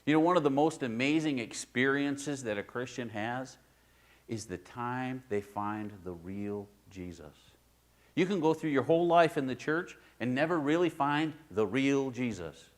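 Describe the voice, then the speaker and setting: A man preaching a sermon in his church in a conversational way, swinging between loud emphasis and quiet asides. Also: medium pitch, expressive, a little slow. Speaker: pastor.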